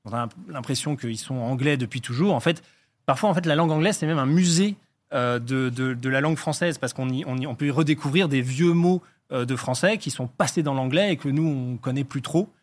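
A man's voice: medium pitch, brisk. Hesitant man explaining word origins. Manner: hesitant, many "euh" fillers and restarts. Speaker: guest linguistics enthusiast. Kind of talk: casual explanatory chat.

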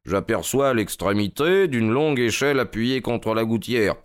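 A man voicing an eager, commanding male detective who speaks briskly and urgently. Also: mid-range voice, animated, natural voice.

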